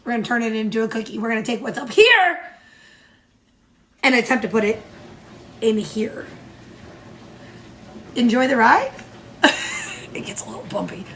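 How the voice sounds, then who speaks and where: A woman with a high voice and a blocked, nasal tone from allergies talks through each step of a recipe. She sounds chatty and upbeat, like a casual home cooking vlog. A faint hum of room noise sits underneath. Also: expressive, moderate pace, long pauses, a bit bright. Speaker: home baking vlogger. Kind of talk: casual cooking tutorial chat.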